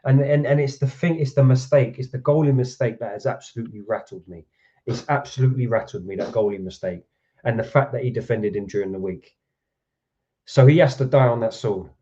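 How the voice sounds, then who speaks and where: A man's voice: medium pitch, fairly quick, warm tone. A man hosting a football reaction stream from home, ranting and swearing in frustration. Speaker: football channel host. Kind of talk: angry match reaction. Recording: dull lo-fi sound.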